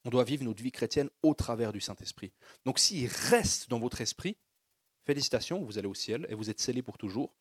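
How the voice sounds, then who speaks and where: A man's voice: mid-range voice, lively intonation, a little fast, breathy edge, no echo, clean studio sound. A man preaching a sermon, leading the congregation in call-and-response and building fervor. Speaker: pastor.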